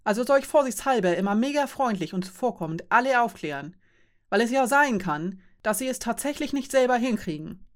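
A woman's voice: a little high, animated, fairly quick. A woman voicing a frustrated young nonbinary person who argues with insistent, challenging questions.

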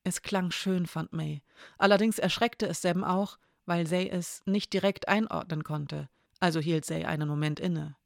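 A calm, measured storyteller reading aloud. The voice has a gravelly edge in a middle register. The recording is close and dry, with no room echo. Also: medium pitch. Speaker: narrator. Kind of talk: audiobook reading of an intimate story.

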